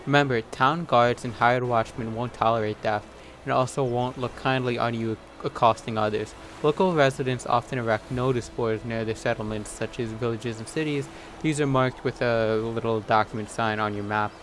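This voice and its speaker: A gaming video host with a steady, mid-range voice comments casually at a moderate pace while playing a video game, now and then reading on-screen text aloud. His voice sits over loud game music, with horse sounds and slight background noise in the mix.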